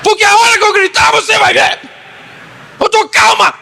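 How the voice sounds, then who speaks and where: A man putting on the voice of an angry wife who yells and insists she is calm, in a shrill, indignant tone. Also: normal speed, vocal fry, full character voice. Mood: indignant shouting.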